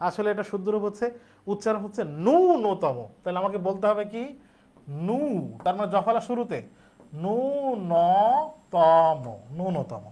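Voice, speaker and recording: Guy teaching spelling, high voice, walks through each step. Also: rapid-fire. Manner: explains step by step, asks and answers own questions. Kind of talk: spelling lesson.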